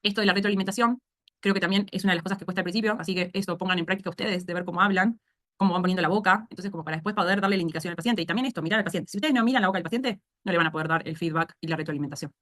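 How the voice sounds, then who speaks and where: A woman's voice: on the low side, very fast, a bit bright. A woman with a Rioplatense Spanish accent lecturing as a speech therapy instructor in an online course, explaining things step by step and often checking in with "¿sí?". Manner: explanatory, asks "¿sí?" to check understanding.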